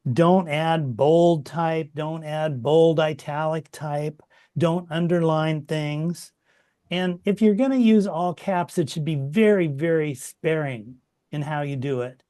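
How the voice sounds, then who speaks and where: A middle-aged man teaching a copyediting workshop over a video call, relaxed and chatty, with many fillers and restarts. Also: on the high side, slow. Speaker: workshop instructor. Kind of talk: informal online workshop teaching.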